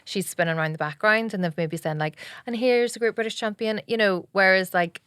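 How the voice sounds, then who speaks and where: A woman's voice: medium pitch, a little fast, a bit bright, clear, resonant tone, no echo. A woman in her thirties with a Northern Irish accent, chatting as a podcast guest in a rambling, talkative way. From Northern Ireland. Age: 30s. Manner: chatty, rambling with lots of "like" and "you know". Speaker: podcast guest, salon owner. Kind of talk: casual chat. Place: podcast studio.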